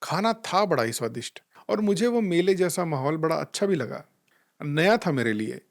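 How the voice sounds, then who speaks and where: A man giving a calm, reflective spiritual talk. He tells gentle anecdotes and acts out the voices he quotes. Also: a little high, normal speed, gravelly. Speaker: spiritual life coach.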